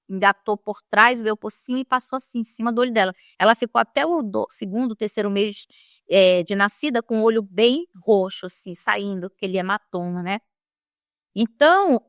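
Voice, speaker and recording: Emotional Brazilian woman from Manaus, halting. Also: a little high, a bit bright, no echo, clean studio sound. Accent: Northern Brazilian (Manaus). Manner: emotional, halting storytelling with many restarts. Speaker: interviewee. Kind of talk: personal testimony.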